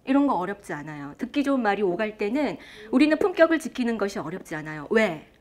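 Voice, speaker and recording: A woman lecturer and author giving a motivational talk on a stage before a live audience, lively and often asking the crowd questions. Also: medium pitch, quick pace.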